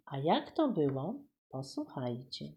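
A woman reading a story aloud to children in a gentle, teacherly manner. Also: low voice, sing-song, slow pace, muffled recording.

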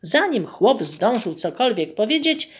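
Woman narrator, folk tale, slow and measured. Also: on the high side, sing-song. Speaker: storyteller.

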